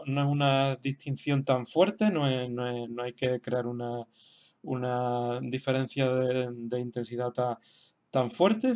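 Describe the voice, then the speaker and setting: Hesitant man with gravelly voice. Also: mid-range voice, a little mellow. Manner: hesitant, many fillers and restarts. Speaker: teacher. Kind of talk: online lesson, unscripted explanation.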